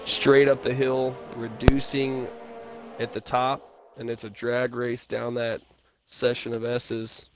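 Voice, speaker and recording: A man doing relaxed live commentary on a sim racing stream, chatting and reading chat messages aloud. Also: mid-range voice, takes it slowly. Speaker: race commentator. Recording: stream audio with clear background noise.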